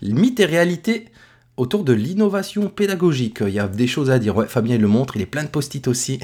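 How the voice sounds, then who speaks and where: A man's voice: mid-range voice, lively intonation, brisk, a little mellow, slightly rough. A man with a regional French accent hosting a casual podcast, joking and restarting his lines. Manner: jokey, laughing, restarts often. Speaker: podcast host.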